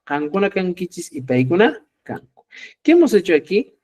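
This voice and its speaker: The high-sitting voice of a middle-aged Quechua teacher moves at a moderate pace through a live online lesson. In animated, talkative style he performs both parts of short dialogues, raising his pitch on every question. He often checks in and calls his viewers dear friends.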